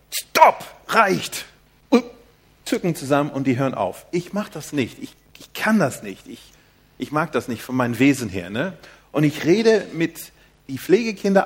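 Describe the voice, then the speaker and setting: An older man preaching a sermon in a quiet, soft-spoken manner. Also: fairly high pitch, breathy edge.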